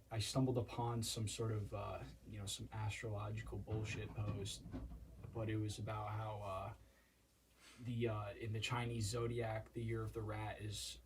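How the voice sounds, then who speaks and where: Give me a young guy telling a band story in an even, unhurried drone, recorded a bit off-mic. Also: fairly low pitch, recorded from a distance, a little hiss or hum. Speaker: band bassist, guest. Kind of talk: casual interview storytelling. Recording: off-mic with faint room ambience.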